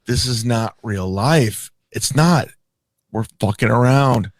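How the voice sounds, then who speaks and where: A man's voice: medium pitch, slow, no room sound. A very drunk man slurring and rambling to the viewers of his livestream as a podcaster.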